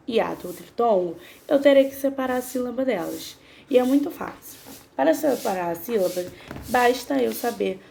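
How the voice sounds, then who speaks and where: A woman's voice: fairly high pitch, vocal fry, dark tone. A woman teaching a grammar lesson, patiently sounding out syllables one by one and asking her students questions. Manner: patient, spells out syllables slowly; asks the class questions.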